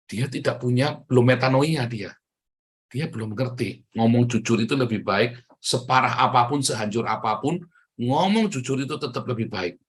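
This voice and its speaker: A man with a husky, slightly breathy voice preaches in a loose, conversational way, speaking straight to the congregation. His delivery jumps between loud, punchy bursts and quiet, low asides. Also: moderate pace. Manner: conversational preaching, often turns to the congregation directly. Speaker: pastor. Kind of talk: sermon.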